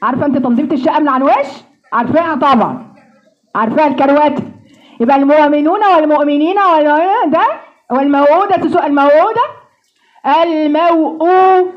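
A woman with an Egyptian accent teaching Quran recitation, drilling sounds slowly and joking with homely comparisons. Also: high-pitched, dull audio. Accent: Egyptian Arabic. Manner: playful, homely comparisons, slow drawn-out model sounds. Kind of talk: pronunciation lesson with drills.

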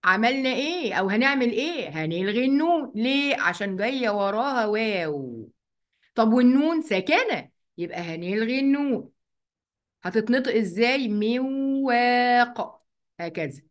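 A woman's voice: fairly high pitch, sing-song. Egyptian woman teaching Quran recitation. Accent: Egyptian Arabic. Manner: explains step by step, asks the class questions; draws out the recited words slowly. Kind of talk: online tajweed lesson. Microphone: computer mic, writing with a mouse.

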